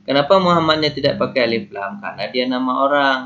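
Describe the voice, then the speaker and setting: Man, teacher, grammar lesson, patient explaining, rhetorical questions, mid-pitched voice, muffled lo-fi recording. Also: expressive, quick pace, a bit bright. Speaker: Arabic teacher.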